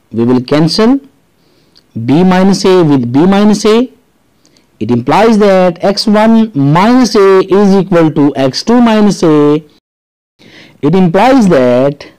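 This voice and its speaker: A man with a Pakistani accent narrating a scripted maths lesson as a teacher, explaining deliberately step by step. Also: high voice, dark tone, poor audio. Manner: deliberate step-by-step explaining, switching between English and Urdu.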